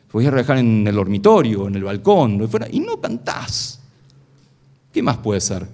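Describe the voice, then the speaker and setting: A man's voice: lowish voice, wildly swooping pitch, normal speed, mellow. A middle-aged man giving a playful live science talk on stage, asking the audience a stream of questions. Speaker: science lecturer.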